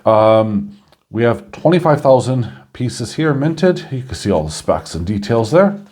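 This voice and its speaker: A man hosting his own channel, chatting casually through a coin review, chuckling now and then and filling pauses with ums and uhs. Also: medium pitch, very animated, darkish tone.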